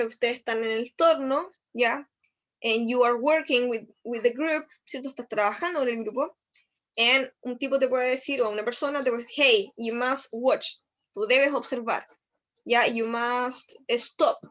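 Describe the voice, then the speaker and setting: Chilean woman, English teacher, high voice, keeps asking "¿ya?" as she explains, slows down on the English examples. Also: a bit bright. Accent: Chilean Spanish. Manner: explanatory, frequent "¿ya?" checks. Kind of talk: recorded online lesson.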